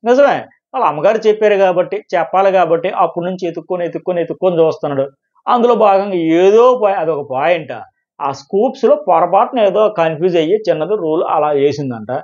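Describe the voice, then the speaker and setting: A man giving fast live commentary on a reality show, emphatic and excitable. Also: sits high, lo-fi sound. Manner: excited, emphatic, quotes contestants in quick bursts.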